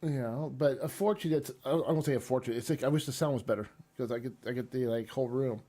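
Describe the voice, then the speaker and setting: A man's voice: medium pitch, rapid-fire, mellow, breathy edge. A man chatting casually with friends on a voice call, easygoing and rambling, with many fillers. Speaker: streamer hosting a chat. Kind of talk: casual chat.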